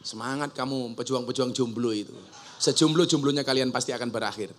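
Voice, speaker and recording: A man's voice: mid-range voice, fairly quick, slight background noise. A man preaching a humorous public sermon, joking and punchy, firing off rhetorical questions to the crowd. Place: outdoor gathering at a boarding school.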